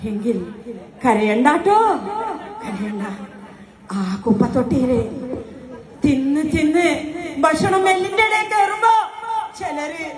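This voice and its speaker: A woman's voice: high voice, slow pace, pauses often, a crowd in the background. A woman playing a kind homeless madwoman who comforts and looks after an old mother, in a comforting sing-song manner in a stage skit. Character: kind homeless madwoman, young, caring and protective. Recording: echoey hall, audience noise.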